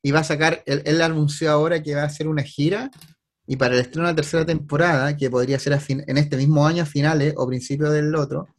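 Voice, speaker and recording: A man's voice: a little high, level tone, quick pace. A man with a Chilean accent, hosting a podcast in casual chat, going over things at length with filler words and restarts.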